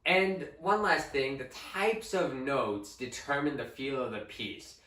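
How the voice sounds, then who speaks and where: A young man with a bright, forceful voice explains music in a relaxed, chatty way. He sounds a little away from the mic, and the room gives an echo. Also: mid-range voice, slow, recorded from a distance. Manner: relaxed, conversational, with fillers. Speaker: co-host music teacher. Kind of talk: casual explanatory lesson.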